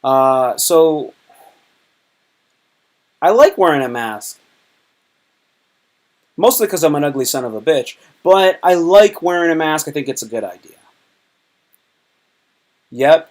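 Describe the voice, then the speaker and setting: A man's voice: on the high side, expressive, slow, pauses often. A young man live streaming, telling crude, joking stories in a rambling way full of fillers and restarts. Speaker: live streamer and stand-up comedian. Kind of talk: casual live-stream storytelling.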